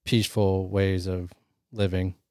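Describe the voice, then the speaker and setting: Shy farm-boy recruit voiced by a man, halting and stammering, lowish voice, dry close sound. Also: little pitch movement, mellow, dry recording. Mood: nervous. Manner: hesitant, stammering. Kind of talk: improvised tabletop roleplay.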